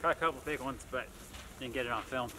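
A man in his thirties chatting casually on a hike in the woods, relaxed and loose with many fillers. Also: medium pitch, fast. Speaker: vlogger. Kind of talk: casual outdoor vlog chat. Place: outdoors in the woods by a lake. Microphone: camera mic, some distance away. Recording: distant outdoor mic with noticeable noise.

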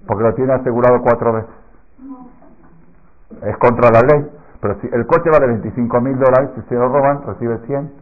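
A middle-aged man preaching a sermon as a rabbi, telling stories and swinging from hushed asides to loud, emphatic peaks. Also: medium pitch. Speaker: rabbi giving a Torah talk. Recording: slightly dull lo-fi recording.

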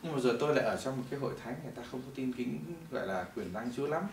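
A middle-aged man giving a testimony sermon in a church hall, telling his story in an animated way that swings between loud bursts and hushed moments. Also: mid-range voice, very fast, slight background noise. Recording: echoey hall, mic at a distance.

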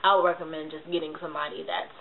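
Sitting low in pitch with fairly even intonation, this young adult woman talks rapid-fire while a crowd is audible in the background. She's a video blogger giving relationship advice in a casual confessional chat to camera from a small bedroom, her voice congested and nasal from a cold, slangy asides punctuated by lip smacks. Picked up by a webcam mic at arm's length, the audio is tinny and lo-fi with hiss.

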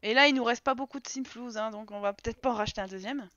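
Chatty woman streamer, bright edge, muffled lo-fi stream sound, talks back to her game. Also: on the high side, fast. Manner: chatty, exclaims and scolds her game characters. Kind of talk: casual let's-play commentary.

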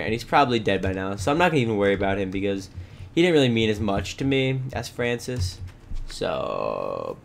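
A man hosting a casual gameplay video, who mock-scolds his animals in loud bursts and then mutters to himself as he builds. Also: fairly low pitch, vocal fry. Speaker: let's play host.

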